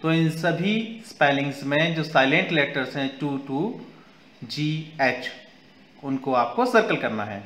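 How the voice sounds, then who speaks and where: A man teaches young children a spelling lesson, reading each word out and spelling it letter by letter as he moves between Hindi and English. He speaks slowly and patiently, in a slightly high voice. The room around him is roomy and echoey. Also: animated, fairly bright tone. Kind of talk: classroom grammar lesson.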